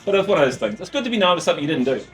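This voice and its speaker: A blunt New Zealand man in his fifties, talking quickly as a guest in a relaxed interview. His voice sits a touch high, and he often restarts his sentences. Music plays clearly behind him. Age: 50s. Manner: brisk, blunt, frequent restarts. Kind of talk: casual interview chat.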